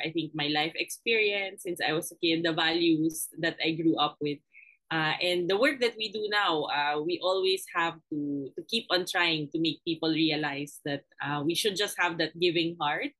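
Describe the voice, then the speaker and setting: A young Filipino woman with a Filipino accent, speaking earnestly and reflectively as an interview guest, with frequent pauses and fillers. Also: low-pitched, fairly bright tone, rough recording. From Philippines. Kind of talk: conversational interview.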